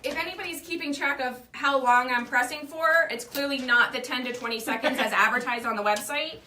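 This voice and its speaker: Bright chatty young woman demoing crafts. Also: high voice, a little fast, slight background noise. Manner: chatty, lots of likes and fillers. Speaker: craft demo host. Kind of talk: live demo chat.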